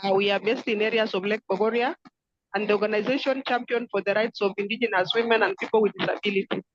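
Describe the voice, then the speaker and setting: Woman from Kenya, earnest, halting delivery, dry and muffled video-call sound. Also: medium pitch, fairly even intonation, no echo. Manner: earnest, halting, with many fillers. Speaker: community organization founder. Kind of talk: self-introduction on a video call. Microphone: video call with a weak connection.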